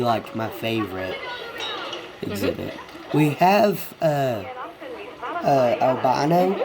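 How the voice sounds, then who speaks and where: A man with a congested, sick-sounding nose talks very slowly through an unscripted game tour. His delivery is casual and halting, at a medium pitch. A crowd is clearly audible behind him. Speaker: gamer giving a video game tour. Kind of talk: casual rambling game walkthrough.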